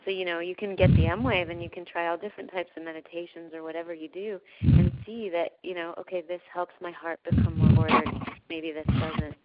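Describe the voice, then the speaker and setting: Woman host on a call, lowish voice, calm soft meditation guide, dull audio. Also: a little fast, no echo. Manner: calm, softening to a hushed guide voice. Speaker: host of a heart practice call. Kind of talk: guided breathing meditation and chat.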